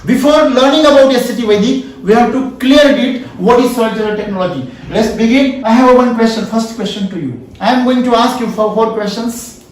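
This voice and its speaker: A man's voice: extremely high pitch, a little fast, far from the mic. A man with an Indian English accent lecturing at a farming seminar, repeatedly asking the audience "yes or no?" and repeating his points. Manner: repetitive questioning, asks "yes or no?". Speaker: founder giving a farming seminar. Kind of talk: lecture with audience call-and-response. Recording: echoey room recorded from afar.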